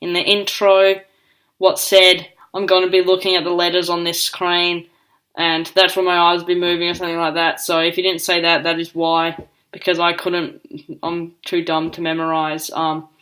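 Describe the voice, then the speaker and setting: A man's voice: high-pitched, little pitch movement, normal speed, sharp tone, poor audio. A young-sounding male hosting a video channel, talking casually to viewers.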